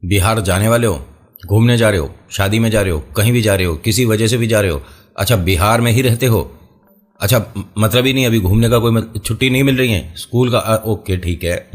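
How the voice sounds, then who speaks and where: A man hosting a casual horror storytelling show, chatting straight to the listener with playful asides. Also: lowish voice. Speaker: storyteller and channel host.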